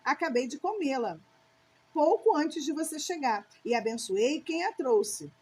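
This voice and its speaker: A woman's voice: high-pitched, animated, unhurried, darkish tone, slight background noise. A woman reading the lines of an old blind father, solemn and grave, in her own voice.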